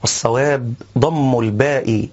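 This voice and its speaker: Male recitation teacher: formal, measured explanations with slowly chanted verses, slightly muffled recording. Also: medium pitch, darkish tone. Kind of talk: religious lesson on recitation errors. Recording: dull lo-fi recording.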